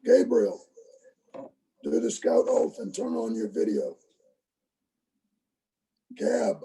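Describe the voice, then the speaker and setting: A hoarse troop leader runs an online meeting from a tablet. His voice is rough and gravelly, deep in texture yet often high-pitched. He speaks patiently and makes sure the kids can follow him. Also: huge pitch swings, slow, mellow, low-quality recording. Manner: patient, instructive, checks that he is understood. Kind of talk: leading an online youth meeting. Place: video call. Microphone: tablet on a video call.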